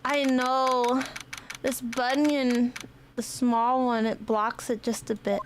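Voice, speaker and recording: A woman streamer chatting casually while playing a game, bubbly and excitable, gushing, with game music behind her. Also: fairly high pitch, slow pace, a little hiss or hum.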